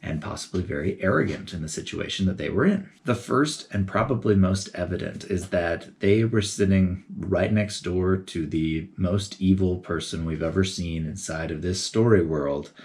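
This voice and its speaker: A man giving a casual, animated video essay, talking in a chatty way with geeky enthusiasm. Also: low voice, normal speed, few pauses. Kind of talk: casual commentary to camera.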